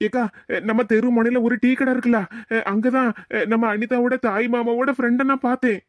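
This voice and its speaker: A woman's voice: fairly high pitch, steady tone, brisk, dry recording, lightly acted. A woman voicing a nervous young man hiding from a feared uncle, speaking hesitantly with a Tirunelveli accent in a cartoon. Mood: anxious. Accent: Tirunelveli Tamil. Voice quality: hesitant, many fillers.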